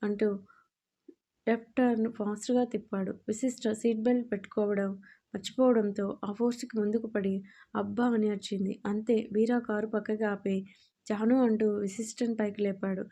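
A woman's voice: mid-range voice, level tone, normal speed, warm tone. A woman reading a romance story aloud and voicing the lovers' lines with small shifts.

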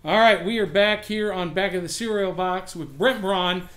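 A man's voice: high-pitched, normal speed, fairly bright tone. A man hosting a road-trip video, introducing a shop and its owner with upbeat enthusiasm. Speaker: show host. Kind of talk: casual vlog hosting.

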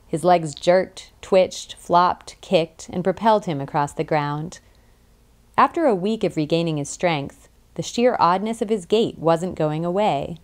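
Female audiobook narrator, lowish, measured storytelling. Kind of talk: scripted narration.

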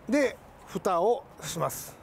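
A man's voice: very high-pitched, gravelly, a bit bright, slight background noise. A man running a shop, demonstrating a barbecue grill outdoors and explaining each step in an eager, agreeable way. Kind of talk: explaining a product on location.

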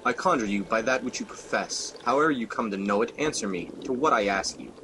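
A man's voice: mid-range voice, fairly quick, background noise, close to an everyday voice. A man playing Macbeth, a proud and fearful king who demands answers in declamatory speech. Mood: demanding.

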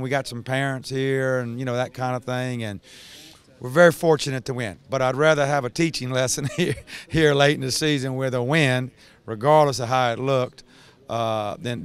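Smooth-voiced older coach, halting speech. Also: male voice, mid-range voice. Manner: halting, many restarts and fillers. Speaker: basketball head coach. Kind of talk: post-game interview. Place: empty indoor basketball arena. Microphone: handheld reporter mic.

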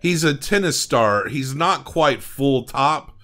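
A man's voice: mid-range voice, slow pace. A man in his thirties co-hosting a film podcast, chatting casually from a small home studio into a desk mic. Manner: relaxed, chatty, informal. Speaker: podcast co-host. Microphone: desk microphone.

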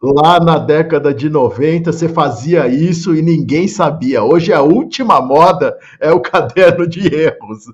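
A man's voice: a little high, unhurried, hardly any pauses, dull audio. Chatty man hosting a live interview. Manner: chatty, encouraging, teasing questions. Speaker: host, exam-prep teacher.

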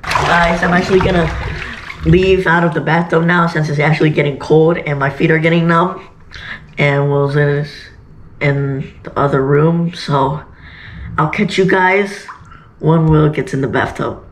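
A man's voice: on the high side, steady tone, a little slow. A young teenage boy chatting casually for a challenge vlog. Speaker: challenge vlogger. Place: small indoor bathroom. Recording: echoey bathroom, loud water noise.

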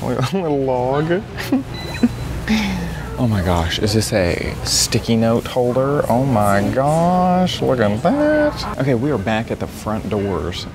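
Man, casual walk-around vlog, excitable, exclaims often, handheld camera, noisy indoor mall. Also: lowish voice. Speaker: vlogger touring an antique mall. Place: large indoor antique mall. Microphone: handheld camera held while walking.

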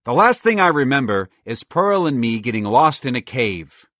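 A man doing a loud, boastful talking squirrel. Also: medium pitch, very animated, normal speed, no room sound, voice pushed up. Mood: chatty excited. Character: chatty, bold male squirrel, small and cheerful. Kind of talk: storybook voice acting.

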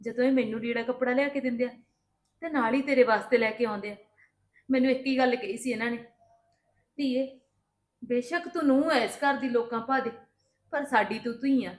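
Patient daughter-in-law played by a woman, Punjabi accent, high voice, calm and reassuring, echoey room. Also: a little fast, long pauses, close to an everyday voice. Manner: calm, reassuring, explaining at length. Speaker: daughter-in-law in a family drama. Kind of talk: scripted family drama acting.

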